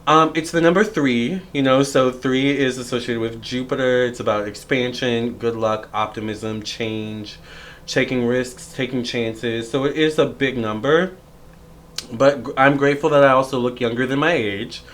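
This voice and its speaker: A man's voice: medium pitch, fairly even intonation, normal speed, fairly bright tone. Man in his thirties, rambling vlog. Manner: rambling, with many fillers and restarts. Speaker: tarot reader and astrologer. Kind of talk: casual reflective vlog monologue.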